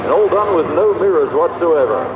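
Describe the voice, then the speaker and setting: A man's voice: a little high, expressive, moderate pace. A man giving live airshow commentary, explaining the aerobatics to spectators. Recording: echoey distant PA, dull sound, loud aircraft noise. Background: aircraft engines.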